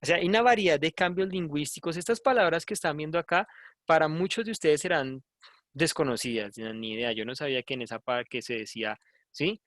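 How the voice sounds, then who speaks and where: A man's voice: a little high, brisk, a bit bright, no echo, studio quality. A Colombian man teaching a language class, talking in a conversational way and often checking in with tag questions. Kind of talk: online class lecture.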